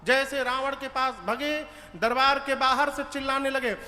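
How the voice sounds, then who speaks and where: High, bright-voiced male devotional storyteller. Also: measured pace. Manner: dramatic, acts out characters. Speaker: religious storyteller. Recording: reverberant hall with faint music.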